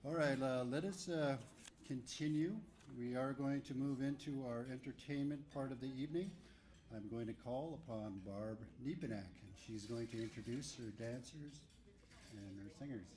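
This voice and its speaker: A man's voice: medium pitch, normal speed, a little mellow. A man announcing as emcee at a live indoor event. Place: indoor banquet hall. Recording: live hall with clear crowd.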